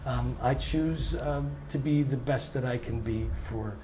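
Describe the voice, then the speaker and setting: In an interview, this male touring blues guitarist and singer speaks in a scratchy voice of medium pitch. His answers come relaxed and considered, full of "um"s, with an occasional restart.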